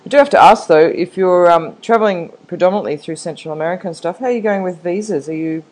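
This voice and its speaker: Low-voiced Australian woman, casual co-host. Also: fast, darkish tone, rough recording. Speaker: podcast co-host. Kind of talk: casual interview chat.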